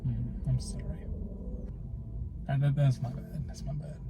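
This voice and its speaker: A man's voice: mid-range voice, level tone, measured pace. A young man from North Carolina casually telling the story of how he met his girlfriend, rambling with many likes and restarts. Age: young adult. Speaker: vlogger telling a couple's story. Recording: noisy background.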